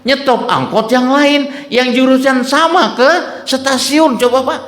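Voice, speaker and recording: Preacher in echoing hall. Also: male voice, very high voice, unhurried. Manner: animated storytelling, constantly addressing listeners as "Pak". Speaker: Islamic preacher. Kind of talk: dawn lecture sermon. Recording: echoey hall with long reverb.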